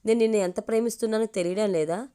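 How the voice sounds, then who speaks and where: A man's voice: high voice, racing, dark tone, clear, resonant tone, close to an everyday voice. A woman voicing a restrained, tender young husband in an audio story. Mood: earnest.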